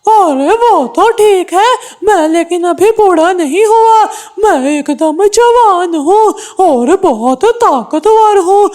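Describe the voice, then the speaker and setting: A woman's voice: very high voice, darkish tone, full character voice. A woman doing a stubborn boastful old crow. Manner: boastful, defensive. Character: boastful aging male crow, stubborn and hot-tempered. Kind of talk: cartoon voice acting.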